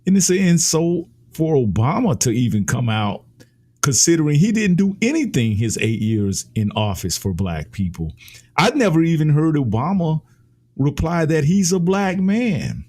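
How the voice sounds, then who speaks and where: A man's voice: very animated, normal speed, a little mellow. A man giving heated, emphatic political commentary, his voice climbing as he argues. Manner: impassioned, emphatic, rises in pitch when ranting.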